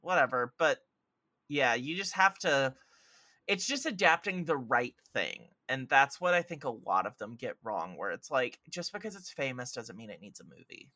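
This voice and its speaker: A man with a mid-range voice hosts a film podcast at a moderate pace, and there's no room sound in the recording. He's animated and opinionated, stressing his points hard and swearing freely in casual discussion.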